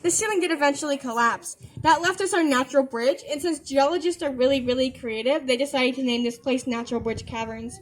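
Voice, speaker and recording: A woman's voice: sits high, a little fast, hardly any pauses. A woman giving a rehearsed, informal tour talk as a guide. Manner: informal, instructive.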